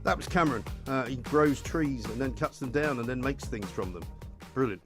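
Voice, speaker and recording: A man's voice: mid-range voice, normal speed. A male TV interviewer questioning a guest in a challenging, sardonic debate style. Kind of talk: combative live debate interview. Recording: TV clip with music underneath.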